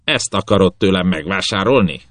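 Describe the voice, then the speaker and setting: A man's voice: deep voice, lively intonation, a bit bright, no echo, voice pushed up. A man voicing a cruel, blustering old sea captain. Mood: scornful. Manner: menacing, blustering, hisses threats. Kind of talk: audiobook character voice.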